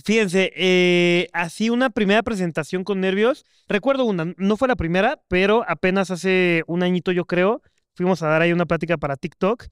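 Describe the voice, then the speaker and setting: A young Mexican man with a high, clear voice co-hosts a casual podcast. He asks questions and tells his own story in a relaxed, chatty way. The recording is close and without room echo. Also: normal speed. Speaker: podcast co-host. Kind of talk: casual chat.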